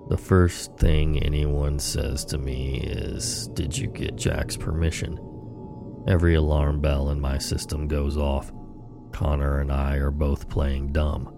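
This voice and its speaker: A man hosting a horror podcast, narrating scary stories in a slow, ominous horror-host manner. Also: very deep voice, little pitch movement, music in the background.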